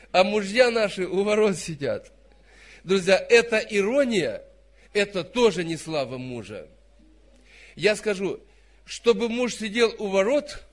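Emphatic high-voiced male preacher in his fifties. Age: 50s. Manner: emphatic, swings between soft asides and loud stressed phrases. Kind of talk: sermon.

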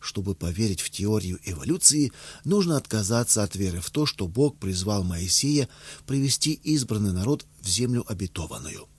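A man reading a memoir aloud as an audiobook narrator, in a steady, measured way. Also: lowish voice, breathy edge, no echo.

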